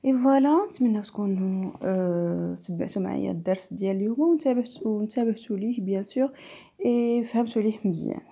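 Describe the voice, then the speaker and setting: A woman's voice: medium pitch, rapid-fire, creaky, phone-quality sound. A woman teacher giving a video grammar lesson, switching between French and Arabic and reading example sentences aloud. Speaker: primary school teacher.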